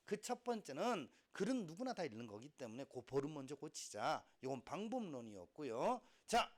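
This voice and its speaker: A man's voice: fairly high pitch, normal speed. A middle-aged man teaching a Korean language class, lecturing animatedly, acting out students and asking rhetorical questions. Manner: animated, acts out students' voices, frequent laughter and rhetorical questions.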